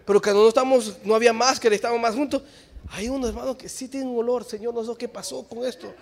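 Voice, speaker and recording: A man preaching a sermon in church. He swings between shouted exhortation and quiet, joking asides. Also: very high voice, steady tone, fast talker, creaky.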